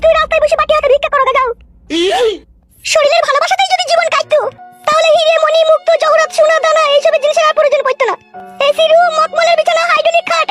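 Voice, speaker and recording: A woman's voice: very high voice, fairly bright tone. A woman voicing a hungry, fed-up young village wife who scolds her husband in a comic cartoon. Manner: scolding and bitter. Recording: music playing under speech.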